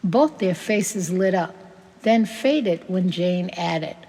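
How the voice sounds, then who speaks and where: A woman reading a short story aloud in a slow, gentle manner. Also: fairly low pitch, expressive, in a large hall.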